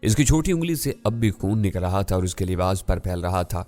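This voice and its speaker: A man narrating a first-person thriller audiobook in a steady, measured way. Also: deep voice. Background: faint music.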